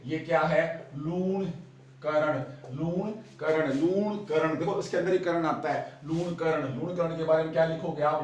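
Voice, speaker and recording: A young man teaching a fast exam-prep lesson, asking questions and answering them himself, urging his students on like an older brother. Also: a little high. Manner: drills with repeated questions and answers; urging, brotherly pep talk. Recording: echoey room, distant mic.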